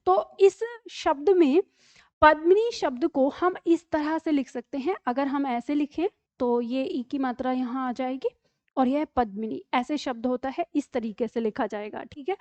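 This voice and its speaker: A woman teacher walks through a grammar lesson step by step, often stopping to check that her students follow. Her voice sits high, and the recording is dry and a little dull. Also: measured pace, darkish tone, dry recording. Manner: explains step by step with frequent "ठीक है?" checks. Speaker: Hindi teacher.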